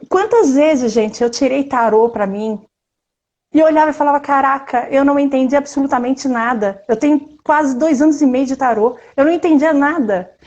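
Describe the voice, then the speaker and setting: Expressive Brazilian woman, mellow voice. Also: high voice, moderate pace, muffled recording. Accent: Brazilian Portuguese. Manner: expressive, emphatic, talks straight to the audience. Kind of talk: casual live-stream conversation.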